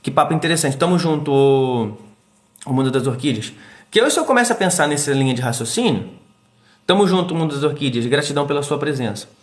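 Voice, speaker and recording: Middle-aged Brazilian male therapist, live-stream host; slightly high voice, animated delivery, roomy echo. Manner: animated, acts out quick quoted voices. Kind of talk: casual live-stream talk. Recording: echoey room.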